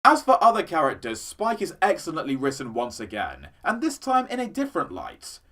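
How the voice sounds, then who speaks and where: A man's voice: a little high, huge pitch swings, a little fast, pushed and bright. A man reading a polished, evaluative episode review. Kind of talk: scripted review narration.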